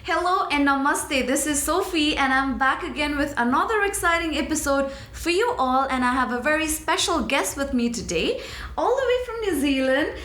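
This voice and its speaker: A woman's voice: high voice, animated, moderate pace, hardly any pauses, fairly bright tone, roomy sound, faint music behind. A woman hosting a show, asking an interview guest questions in an upbeat way, with some hesitations. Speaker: show host. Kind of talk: hosted interview.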